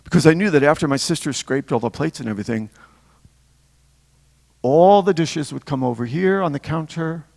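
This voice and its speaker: Gravelly older deacon in a hall. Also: male voice, fairly high pitch, a little mellow. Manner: reflective storytelling, pausing between phrases. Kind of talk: spiritual talk. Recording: long hall reverb.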